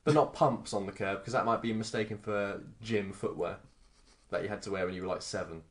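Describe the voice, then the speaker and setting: A man's voice: fairly low pitch, a little fast. A man co-hosting a podcast, joking and teasing the others in casual chat. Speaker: podcast co-host.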